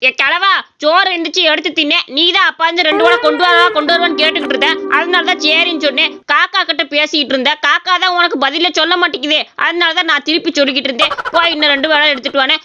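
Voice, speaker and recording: A woman's voice: high voice, fairly even intonation, very fast, hardly any pauses, background noise, lightly acted. A woman voicing a cheeky, bossy young village man in a cartoon. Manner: bossy, mocking. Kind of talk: cartoon voice acting.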